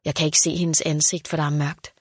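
A woman reads a children's story aloud in a calm, even voice. Her pitch sits low for a woman, and the recording is dry and close, with no room sound. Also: no echo. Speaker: narrator.

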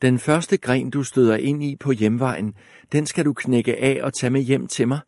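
A man voicing Askepot, a kind young girl, calling out in a slow sing-song in a storybook reading. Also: mid-range voice, vocal fry, darkish tone, no echo, studio quality, voice pushed up. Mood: asking.

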